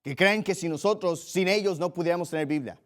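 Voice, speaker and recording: Man, from Mexico, pastor, combative sermon, fairly high voice, restarts and repeats words. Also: a little fast. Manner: forceful, combative preaching with rising emphatic questions.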